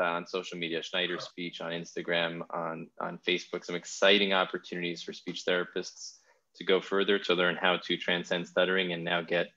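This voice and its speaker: A man's voice: deep voice, pushed and bright, dull audio. A man hosting a podcast interview, talking in an enthusiastic, thoughtful way with frequent restarts. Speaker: podcast host. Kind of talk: casual interview chat.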